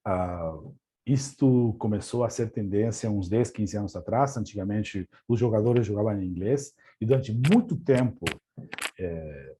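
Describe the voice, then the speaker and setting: A man's voice: on the low side, a little slow, dark tone. A man from Argentina, a native Spanish speaker with an Argentine accent, gives a webinar presentation, often hesitating, with many fillers and repeated words.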